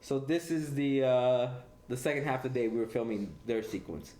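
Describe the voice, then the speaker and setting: A man giving casual commentary on his own film, excitable, laughing often and repeating himself. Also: mid-range voice, normal speed. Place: room with others watching a film. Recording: roomy echo, faint background noise.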